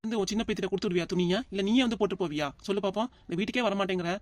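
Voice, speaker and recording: A worn-out cartoon grandfather, voiced by an actor, who keeps complaining and reasoning in a brisk voice. The sound is close and dry, with no room around it. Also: medium pitch, no echo, close to an everyday voice. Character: weary pleading old grandfather.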